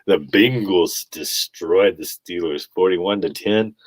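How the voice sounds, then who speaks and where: A man hosting a sports podcast talks in a very low, deep voice. He is blunt and opinionated, chuckling at his own takes. The sound is close and dry. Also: slow, dry recording, low-quality recording. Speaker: podcast host. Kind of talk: casual sports commentary.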